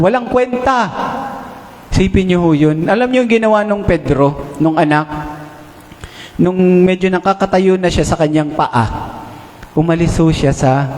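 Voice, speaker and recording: A male preacher with a Filipino accent giving an animated sermon, swinging his voice up and down and drawing out key English phrases. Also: high-pitched. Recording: echoey hall, long reverb.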